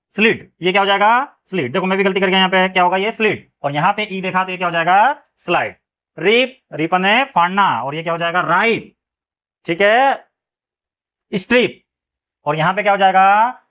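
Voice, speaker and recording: A man's voice: high-pitched, sharp tone. A man teaching English phonics, asking his students a question after nearly every word and then answering it himself. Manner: asks the class questions and answers them himself; often adds a check-in phrase after a point. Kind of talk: classroom-style phonics lesson.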